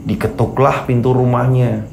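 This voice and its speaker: A man narrating a mystery story in a lively, conversational way, acting out the characters as he goes. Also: mid-range voice, moderate pace, creaky, a little hiss or hum.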